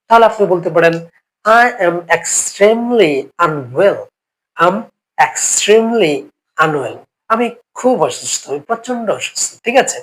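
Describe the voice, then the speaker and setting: A man's voice: high-pitched, fairly bright tone, rough recording. A male English teacher who is sick with a cough, giving a spoken English lesson step by step, repeating each phrase and checking in with the learners often.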